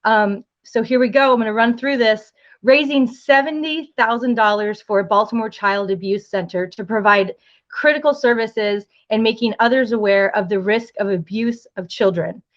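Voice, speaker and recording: Excited woman on a video call, kinda high voice, dull muffled audio. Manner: upbeat, enthusiastic, reads a list quickly. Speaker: state office director presenting an award. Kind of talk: virtual ceremony remarks. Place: home or office on a video call.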